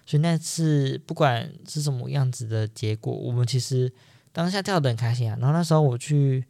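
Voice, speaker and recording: A man's voice: mid-range voice, brisk, gravelly, dark tone, no room sound, studio quality. A young man with a Taiwanese Mandarin accent, hosting a podcast and telling a personal story in an earnest, emphatic way that repeats things for stress. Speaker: podcast host.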